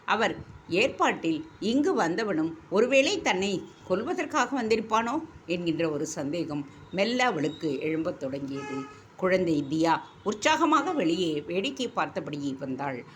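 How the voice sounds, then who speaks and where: A woman reading a story aloud in a measured, expressive way. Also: on the low side, slight background noise. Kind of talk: scripted story narration.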